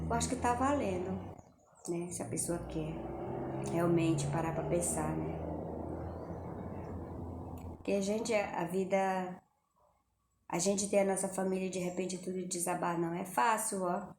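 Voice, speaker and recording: A middle-aged woman with a Brazilian accent talks to her viewers in a casual, chatty way, her voice sitting a little low. She speaks straight to the audience and sprinkles in religious phrases. The recording is echoey, with a faint hum of room ambience behind her. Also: a little mellow. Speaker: vlogger. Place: home kitchen.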